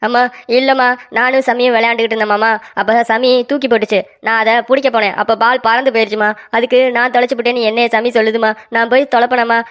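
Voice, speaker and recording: A woman's voice: on the high side, close to an everyday voice. A woman voicing a young boy in a cartoon story who begs, pleads and insists he never lies. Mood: pleading. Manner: pleading, fast talking.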